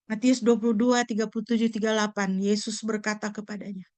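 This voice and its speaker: A woman pastor preaching a sermon, animated and full of rhetorical questions. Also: medium pitch, fast, no room sound. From Indonesia.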